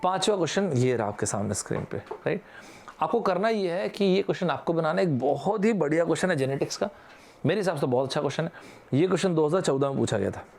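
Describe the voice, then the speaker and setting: A man's voice: on the high side, quick pace, vocal fry, a little hiss or hum. A man with an Indian accent teaching vocabulary in an online exam-prep lesson, switching between Hindi and English and quizzing his viewers. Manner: lively, mixes Hindi with English terms, quizzes viewers directly.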